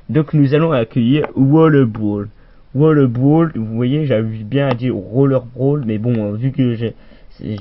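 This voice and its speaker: A man hosting a comedic toy-figure show as a goofy mock presenter, jokey and brusque. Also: medium pitch. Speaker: host. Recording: muffled lo-fi recording.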